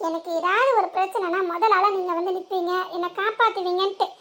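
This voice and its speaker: A woman's voice: extremely high pitch, steady tone, fairly quick, pushed and bright. A woman voicing an emotional, loyal young village wife in a cartoon, with a southern Tamil Nadu accent, teasing and earnest by turns. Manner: teasing, then tearful and earnest. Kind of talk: cartoon voice acting.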